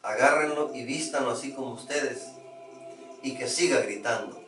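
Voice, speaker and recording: A man voicing a cold king giving curt orders in a low, hushed voice. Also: normal speed, reverberant, recorded from a distance, music in the background, close to an everyday voice, poor audio. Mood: dismissive.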